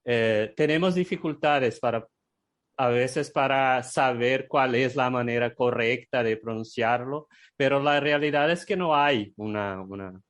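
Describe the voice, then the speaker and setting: Slow-talking man, hesitant. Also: medium pitch, a bit bright. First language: Portuguese. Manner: unhurried, hesitant, adds frequent tag questions. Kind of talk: casual explanatory chat.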